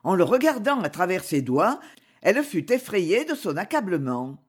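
A woman reading a chapter of a classic novel aloud in a measured, expressive storytelling manner. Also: lowish voice, husky. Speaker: audiobook reader. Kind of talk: scripted narration of a novel.

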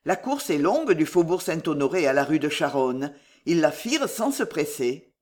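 A reader narrating a classic novel in an expressive audiobook style. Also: mid-range voice, moderate pace. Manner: expressive reading.

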